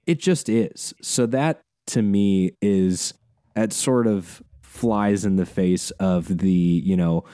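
A man co-hosting a casual podcast, animated and quick to laugh, with many fillers and restarts. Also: sits low, dry recording, clean studio sound. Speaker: podcast co-host.

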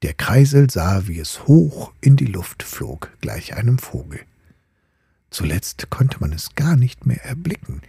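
A man narrating a fairy tale in an unhurried, storytelling way. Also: lowish voice, creaky, dark tone, slightly rough, no room sound, clean studio sound. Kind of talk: slow fairy-tale reading.

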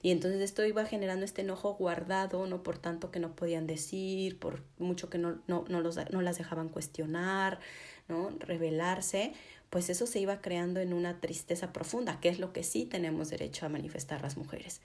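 Conversational psychotherapist woman, lower voice. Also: fairly even intonation, moderate pace, a little mellow. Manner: conversational, checks in with rhetorical "¿no?". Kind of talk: explanatory talk to an audience.

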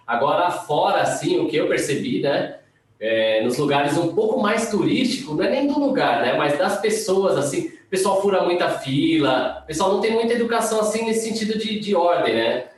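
A man's voice: high voice, big pitch swings, moderate pace. A Brazilian man guest chatting reflectively about travel, filling his speech with small tags. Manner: reflective, lots of filler tags. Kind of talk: casual conversation. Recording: echoey room, far from mic, faint noise.

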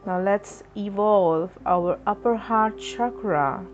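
A woman leading a guided chakra meditation in a slow, soothing, instructive way. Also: mid-range voice. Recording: dull lo-fi recording with soft music.

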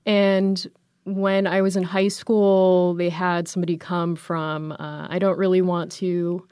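A woman's voice: on the low side, little pitch movement, unhurried, a little mellow, clear, resonant tone, no echo, clean studio sound. A woman in her thirties from the United States, chatting casually as an interview guest, rambling with many fillers and restarts. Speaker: guest, graphic designer.

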